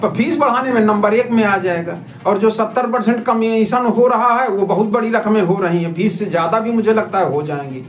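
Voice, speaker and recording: In an echoey room with music underneath and a little hiss or hum, a high-pitched man talks fairly quickly with hardly any pauses. He's a citizen journalist presenting a video report, giving viewers informal commentary that's argumentative, repetitive, and full of rhetorical questions.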